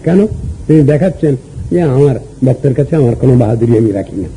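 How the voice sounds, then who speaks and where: An older man from Bengal, a Vaishnava guru, giving a devotional sermon in a measured teaching manner, asking questions and reciting verses. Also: medium pitch, lively intonation, warm tone, a little hiss or hum, low-quality recording.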